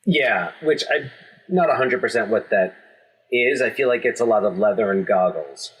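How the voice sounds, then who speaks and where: Husky man rambling in casual chat. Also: lowish voice, expressive, normal speed, low-quality recording. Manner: rambling, joking, many restarts and fillers. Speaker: podcast co-host.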